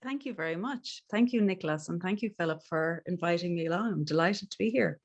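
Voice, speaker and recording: A woman's voice: fairly low pitch, a little fast, lo-fi sound. A middle-aged woman with a west of Ireland accent, talking casually and reflectively as an interview guest in a candid, informal way. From Galway, west of Ireland. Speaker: podcast guest, life coach.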